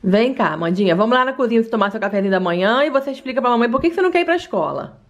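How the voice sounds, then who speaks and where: A woman's voice: a little high, lively intonation, very fast, muffled recording, close to an everyday voice. A woman voicing a patient mother in a doll play story, coaxing and soothing, often saying the child's name.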